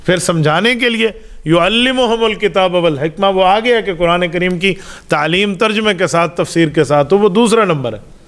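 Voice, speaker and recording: Male mufti, middle-aged, high voice, emphatic storytelling Quran lesson. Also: a bit bright. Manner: storytelling, acts out quoted dialogue; explanatory, emphatic. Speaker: mufti, Islamic preacher. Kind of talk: Ramadan Quran lesson sermon.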